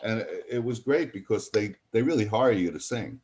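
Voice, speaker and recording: Older New man with low voice. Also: lively intonation, moderate pace, darkish tone. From College Point, New York. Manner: rambling anecdotes, acting out others' lines. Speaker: guest musician. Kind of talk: casual storytelling interview.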